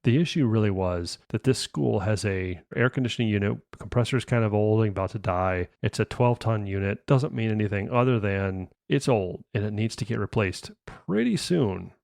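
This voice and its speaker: A man's voice: fairly low pitch, a little fast, creaky, few pauses, darkish tone, no room sound, clean studio sound. A man hosting a podcast, telling a sales story in a casual way, often restarting his sentences and adding "right?". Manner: conversational, frequent restarts and tag questions. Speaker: podcast host.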